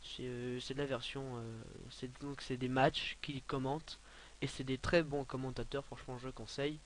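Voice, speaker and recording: A young man giving a casual, rambling software tutorial, filling his talk with hesitations and offhand asides. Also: mid-range voice, level tone, normal speed, slight background noise. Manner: rambling, many filler sounds, offhand asides. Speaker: tutorial maker.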